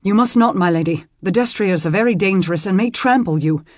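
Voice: medium pitch, brisk, dry recording, clean studio sound, voice pushed up, close to an everyday voice. A narrator voicing an earnest, loyal teenage squire speaking in formal old speech. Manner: formal, dutiful.

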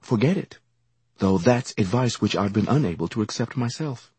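A man's voice: medium pitch, animated, normal speed, mellow, husky, no room sound, pitched above the performer's own voice. A man voicing a nervous, guilt-ridden wealthy young man who stammers and pleads earnestly.

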